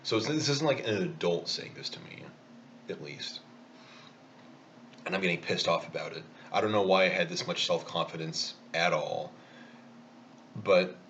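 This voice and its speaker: Low-voiced man rambling through a story. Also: normal speed, long pauses, a bit bright, a little hiss or hum. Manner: rambling, self-mocking anecdote with chuckles. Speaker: vlogger. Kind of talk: casual storytelling while eating.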